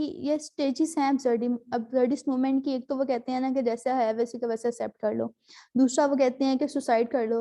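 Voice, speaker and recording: Patient teacher, soft warm woman. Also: on the high side. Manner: explains patiently, mixing in English terms, many fillers. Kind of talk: online class lecture. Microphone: video call.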